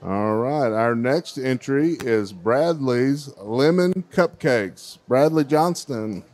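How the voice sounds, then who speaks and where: Taking his time, a middle-aged man with a darkish, medium-pitched voice and lively intonation hosts a children's baking contest. He talks with the young contestants over a handheld mic in a large fair hall, encouraging and chatty throughout.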